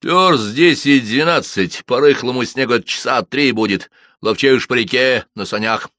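A man voicing a stern local official who speaks slowly and deliberately. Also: mid-range voice, pushed and bright, no echo, clean studio sound, voice pushed up, natural voice. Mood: matter-of-fact.

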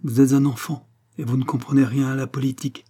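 A man acts out a cowardly traitor captain from an old adventure tale, sneering and scornful. The voice stays close to the reader's own mellow tone. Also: mid-range voice, flat delivery, quick pace, pitched above the performer's own voice, lightly acted.

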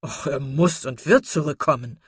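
A woman voicing a hearty, insistent country gentleman in a read-aloud novel, calling out loudly. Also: sits low, expressive, a little fast, husky, dry recording, clean studio sound. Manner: loud, insistent.

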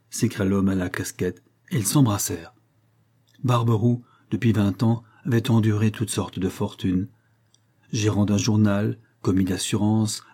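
A man narrating a classic novel in measured phrases, with a low, mellow and somewhat husky voice. The delivery is steady and unhurried. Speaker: audiobook narrator. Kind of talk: scripted narration.

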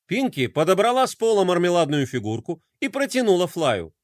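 Lively high-voiced man reading a storybook. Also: a little fast, no room sound, studio quality. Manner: expressive, animated storytelling. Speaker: narrator.

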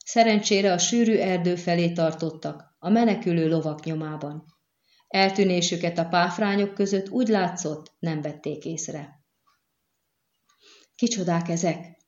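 Woman audiobook narrator, lowish voice, roomy dull recording. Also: a little mellow. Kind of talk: scripted narration.

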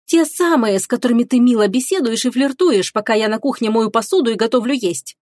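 A woman's voice: a little high, animated, brisk, darkish tone, dry recording, studio quality. A woman voicing a fiery, jealous young woman who speaks sharply and indignantly. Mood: sarcastic, angry.

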